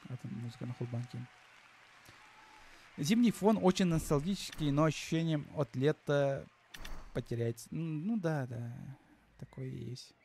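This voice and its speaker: A man's voice: fairly high pitch, moderate pace, pauses often, warm tone, slight background noise. A man chatting informally as a video game streamer, with some swearing. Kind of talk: casual gaming stream chat. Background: faint music.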